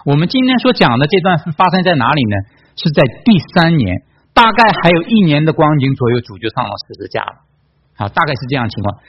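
A man's voice: fairly high pitch, big pitch swings, fast, husky, muffled recording. Conversational male Bible study preacher. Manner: conversational, many tag questions and fillers.

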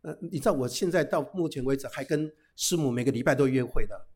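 A middle-aged man, a pastor, giving a humorous sermon, telling lively anecdotes peppered with casual tag particles and English phrases. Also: mid-range voice, quick pace. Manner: lively storytelling with frequent "哈" tags and English phrases.

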